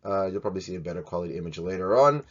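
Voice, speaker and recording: A man teaches grammar to the camera in a jokey, animated manner. His voice sits low and his delivery keeps swinging between loud and soft. The recording sounds dull and lo-fi. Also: very fast. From Australia. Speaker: English teacher. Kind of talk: playful video lesson.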